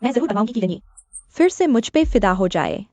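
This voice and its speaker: A woman's voice: fairly high pitch, lively intonation, normal speed, darkish tone, no echo, lo-fi sound, natural voice. A woman voicing a scheming young woman who wants to marry into a rich family, sweet-talking and coaxing, in a dubbed drama. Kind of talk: Hindi drama dubbing.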